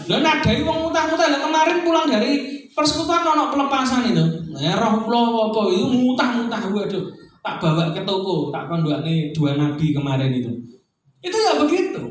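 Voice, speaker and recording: A middle-aged male pastor with a Javanese accent, preaching an animated sermon with frequent "ya toh?" asides. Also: high voice, slight background noise. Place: church hall. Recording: distant mic in echoey church hall.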